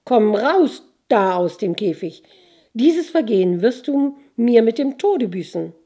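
A wise young princess with magic powers, speaking sharply and with authority, voiced by a woman reading the tale. Her voice is mellow and a little husky, and she gives orders that leave no room for argument. It is a storybook reading. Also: fairly high pitch, lively intonation, unhurried. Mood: stern.

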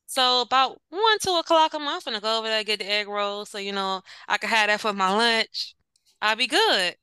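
Bright, clear-voiced woman telling stories. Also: on the high side, normal speed, no room sound. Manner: animated storyteller, laughs often. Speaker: podcast co-host. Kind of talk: casual chat.

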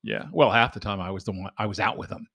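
A middle-aged man with a gravelly, slightly husky voice and a fairly low pitch. He chats casually and bluntly, swearing freely as he tells stories. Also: fast talker, a bit bright, no echo, clean studio sound. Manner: blunt, profane, storytelling. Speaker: podcast co-host. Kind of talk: casual chat.

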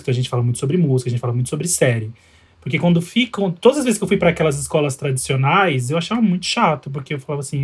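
A man co-hosting a casual podcast, telling relaxed stories. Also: fairly high pitch, husky. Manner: fast, relaxed storytelling. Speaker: podcast co-host.

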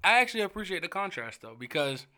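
A man's voice: high voice, very animated, sharp tone, dry recording, clean studio sound. A man hosting a casual podcast, joking around and asking his guests questions. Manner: quick, joking, interviewing. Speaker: podcast host.

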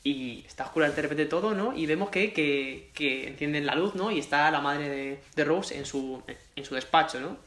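A man's voice: on the high side, normal speed, few pauses, fairly bright tone. A man with a Spain Spanish accent, casually chatting about a film as co-host and peppering his talk with swearing and tag questions. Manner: chatty, swears freely, lots of "¿no?". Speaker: podcast co-host. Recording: echoey room.

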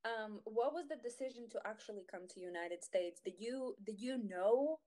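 A woman's voice: fairly high pitch, normal speed, mellow. A woman interviewing a guest in a casual, conversational way.

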